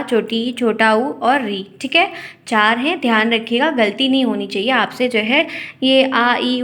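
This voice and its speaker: A woman's voice: on the high side, a bit bright. A woman teacher going through exam questions one by one, reading each question out and repeating it before she explains the answer. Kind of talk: exam-prep lesson.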